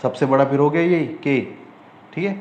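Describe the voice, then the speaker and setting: Indian male math teacher, questioning and repetitive, slow dictation, echoey room. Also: on the high side, steady tone, a little mellow, lo-fi sound. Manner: repetitive, asks the class questions, slow dictation of English terms. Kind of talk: whiteboard math lecture. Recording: echoey room, faint ambient noise.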